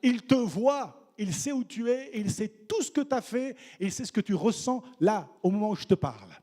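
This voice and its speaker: A man preaching a sermon as a missionary, animated and humorous, acting out the people in the story he tells. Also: high-pitched, brisk. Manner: animated, acts out voices of people in the story, jokes with the congregation.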